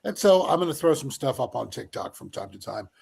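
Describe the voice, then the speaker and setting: A man's voice: mid-range voice, sing-song, brisk, creaky, a little mellow, breathy edge. A man in his fifties, a reporter guest on a video call, talking in a wry, self-mocking way. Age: 50s. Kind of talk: casual chat.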